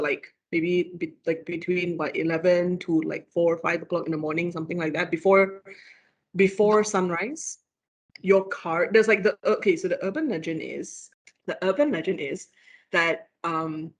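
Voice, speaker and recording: A woman guest lecturer with a Malaysian English accent, telling a ghost story on a casual podcast with lots of "like" fillers and giggles. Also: lowish voice. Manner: animated, giggly, many "like" fillers.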